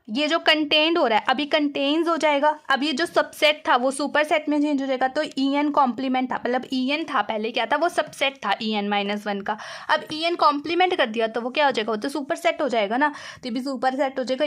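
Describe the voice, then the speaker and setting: A woman with a high voice teaches a mathematics lesson. She works through a proof step by step. She keeps posing questions and answering them herself, slipping English math terms into her sentences. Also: brisk, a bit bright. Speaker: mathematics lecturer.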